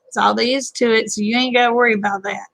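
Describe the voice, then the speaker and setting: Woman, 50s, stream host, casual folksy chat, slightly high voice with a gravelly edge. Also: steady tone, fast, fairly bright tone, no room sound, poor audio. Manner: folksy and talkative, chuckles often.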